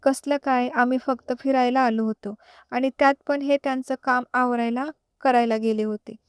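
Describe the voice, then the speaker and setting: Woman playing a hurt young wife, pleading and soft, storybook figure, clear voice, dry sound. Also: sits high, fairly even intonation, normal speed, no echo, natural voice. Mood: plaintive.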